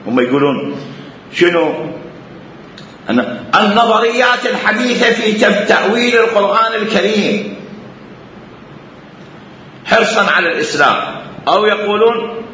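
A man's voice: sits high, lively intonation, moderate pace, long pauses, bright, forceful tone, a little hiss or hum. A man with an Iraqi accent giving a religious lecture, emphatic and repeating phrases for stress. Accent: Iraqi Arabic. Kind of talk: lecture on Islamic jurisprudence. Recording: echoey hall, dull lo-fi sound.

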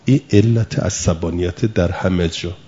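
A man's voice: low-pitched, dark tone, highs cut off, a little hiss or hum. A man teaching a lesson, patiently explaining through everyday examples and asking rhetorical questions. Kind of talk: spoken lesson.

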